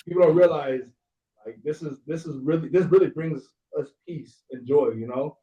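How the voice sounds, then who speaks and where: A man's voice: fairly high pitch, moderate pace. A man chatting casually on a podcast panel in a laid-back way, often adding "you know". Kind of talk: casual chat. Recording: roomy, distant, dull-sounding mic.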